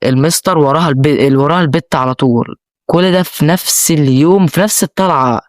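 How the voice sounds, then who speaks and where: Young Egyptian male vlogger, slightly high voice, emotional and rambling, restarting often. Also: fast talker, dry recording, studio quality. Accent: Egyptian Arabic. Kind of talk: personal storytelling.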